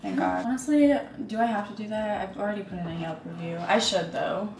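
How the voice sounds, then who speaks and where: A woman's voice: mid-range voice, fast talker, creaky, distant mic. A young woman chatting casually and animatedly while eating on camera, often laughing. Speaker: vlogger. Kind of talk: casual mukbang chat. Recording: echoey room, away from mic, faint noise.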